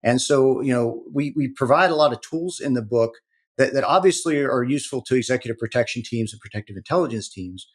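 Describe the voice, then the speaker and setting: A man speaking as a guest in an interview, explaining in an earnest, halting way with many repeated words. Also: mid-range voice, lively intonation, breathy edge. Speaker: protective intelligence executive, guest. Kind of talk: conversational interview talk.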